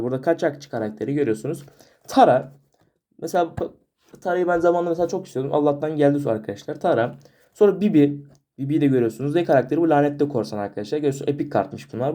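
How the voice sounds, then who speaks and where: Fast-talking, chatty male vlogger. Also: on the high side, warm tone. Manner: chatty, keeps addressing viewers as friends, stumbles over names. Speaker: vlogger showing his card collection. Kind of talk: casual chat to camera.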